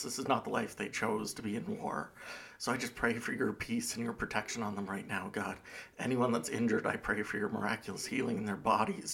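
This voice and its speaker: A man saying a heartfelt prayer in an earnest, halting way. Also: on the low side, creaky, fairly bright tone. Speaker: pastor. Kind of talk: spoken prayer.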